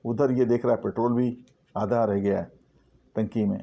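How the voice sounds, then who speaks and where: A man telling a story in a casual, dramatic way, acting out the lines in a hushed voice. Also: medium pitch, steady tone, vocal fry. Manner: dramatic, acts out dialogue in hushed voice. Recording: dull lo-fi recording.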